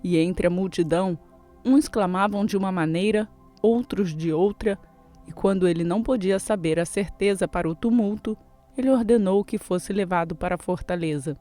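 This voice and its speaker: A reader giving a measured, steady reading of scripture, as in a daily Bible reading plan. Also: mid-range voice, faint music behind.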